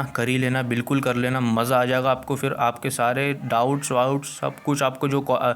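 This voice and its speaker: A man's voice: mid-range voice, fairly bright tone, slight background noise. A man teaching accountancy in a casual video lesson, chatty, repeating himself, with many fillers and restarts.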